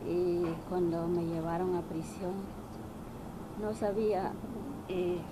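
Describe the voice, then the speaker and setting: A young woman from Guatemala giving personal testimony at a press conference, halting and searching for words. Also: lowish voice, steady tone. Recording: noisy press room audio.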